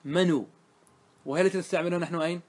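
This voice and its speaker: A man leads a grammar lesson. His voice sits slightly high. He keeps quizzing the room, echoing each answer before moving on. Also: steady tone, racing. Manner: quizzing students with repeated questions. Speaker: teacher of Arabic grammar. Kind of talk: classroom lesson.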